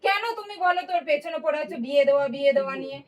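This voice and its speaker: A woman's voice: sits high, racing, distant mic, highs cut off, close to an everyday voice. A woman playing a protective, pleading mother. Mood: defensive. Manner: soothing, pleading, defensive. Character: protective mother of grown son. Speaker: mother in family skit.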